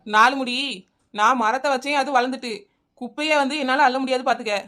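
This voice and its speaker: A cheeky, stubborn village neighbour, played by a woman talks back with mocking Kanyakumari Tamil banter. Her voice is high and bright. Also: a little fast. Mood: sassy. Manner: sassy backtalk, mocking.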